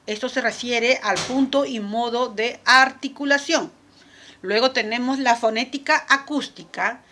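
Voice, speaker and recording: A woman's voice: a little high, fairly bright tone. Woman lecturing, asking herself questions. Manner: explanatory, asks and answers her own questions; frequent tag questions and fillers. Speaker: teacher. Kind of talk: lecture on language development.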